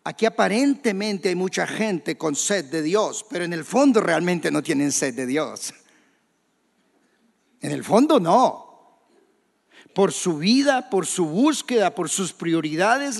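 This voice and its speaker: Pastor guy preaching, high voice, slow, big church echo. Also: lively intonation, gravelly. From Colombia. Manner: preaching with questions to the congregation, shouting quoted scripture. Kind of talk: sermon. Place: church hall.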